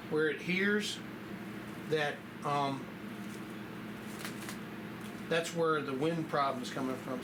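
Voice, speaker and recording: A man with a slightly high-pitched voice talks through a hands-on job in a casual, halting way, thinking aloud as he goes. The room is echoey, and there is clear background noise on the stock microphone. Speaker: vlogger demonstrating a DIY fix.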